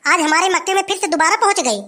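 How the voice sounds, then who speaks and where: A performer voicing an angry old farmer in a who shouts complaints and threats. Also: extremely high pitch, very fast. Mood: angry complaining. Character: grumpy old village man, angry farmer.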